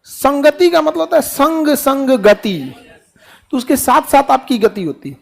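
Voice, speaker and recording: A man's voice: extremely high pitch, lively intonation, unhurried, gravelly. A man giving a motivational talk to a class as their teacher, folksy and joking, asking questions and answering them himself. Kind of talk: lively classroom motivational speech.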